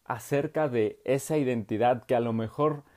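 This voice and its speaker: A young man with a Mexican Spanish accent giving a casual, slangy youth sermon, animated and quick to laugh. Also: medium pitch. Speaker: youth preacher.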